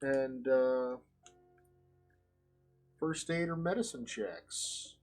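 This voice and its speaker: A man narrating a tabletop horror game as game master, measured and pausing often. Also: mid-range voice, darkish tone, faint music behind, rough recording.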